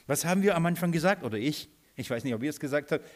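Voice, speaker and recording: A man delivers a sermon in a fairly high voice, often putting questions to his listeners. He drops to quiet, low asides, then climbs into loud, emphatic passages. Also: lively intonation, rapid-fire. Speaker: preacher.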